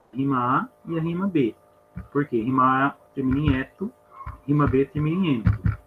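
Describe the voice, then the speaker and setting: A man's voice: mid-range voice, muffled recording, slight background noise. A man with a Brazilian Portuguese accent teaching an online literature class, patiently counting syllables step by step. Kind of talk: online class explaining poetry.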